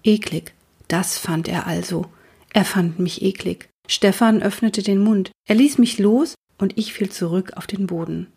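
A woman reads a children's book aloud for a reading series. Her voice is breathy and soft. She speaks gently and turns straight to her young listeners. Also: mid-range voice, unhurried.

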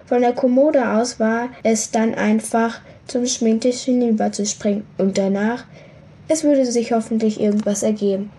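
A woman reading a children's book aloud in a lively storytelling manner. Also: fairly high pitch, moderate pace. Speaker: reader.

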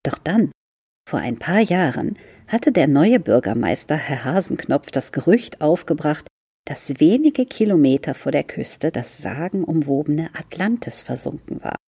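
A woman reads a children's book aloud in a library, telling the story in a calm and unhurried way. Her voice is very low, dark and husky, with a gravelly edge. The sound is dry and close. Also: no room sound. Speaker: library reader.

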